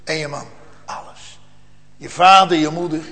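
A man preaching in a church, his voice high and his delivery slow and solemn. Now and then he swells into loud, emotional cries. Long reverb trails each phrase. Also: steady tone. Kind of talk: sermon.

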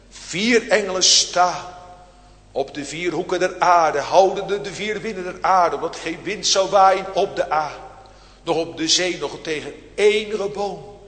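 Slow, solemn preacher in an echoey church. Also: male voice, sits high, a bit bright. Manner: slow, solemn preaching with rising, emphatic outbursts. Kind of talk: sermon.

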